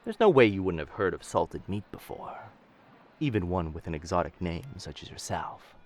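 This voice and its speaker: A man with a low, expressive voice performs as a pirate captain in an intimate roleplay audio drama, speaking at a moderate pace. The captain is dangerous but gentle, protective and commanding, with old-fashioned seafaring phrasing, and he sounds kindly and coaxing.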